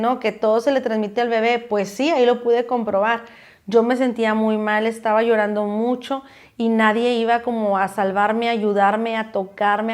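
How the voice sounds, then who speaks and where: Woman vlogger, slightly high voice, emotional first-person testimony. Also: a little mellow. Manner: emotional, vivid storytelling.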